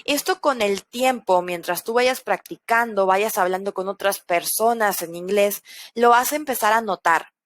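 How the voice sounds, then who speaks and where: A woman teaching English pronunciation, slowly repeating each example word for learners. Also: medium pitch, dry recording. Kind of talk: language lesson.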